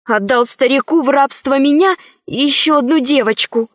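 A woman reads a storybook aloud in a high, natural voice at normal speed, pitching above her own register to play a frightened young girl who was held captive. The girl sounds pleading, and the studio-quality recording has no room sound.

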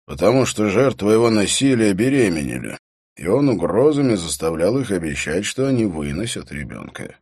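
A weary, hardened detective, as a deep-voiced male reader plays him, speaking grimly and tersely. His tone is low and close to the reader's own voice. The sound is dry. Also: very animated, moderate pace, a little mellow, breathy edge, dry recording, exaggerated voice.

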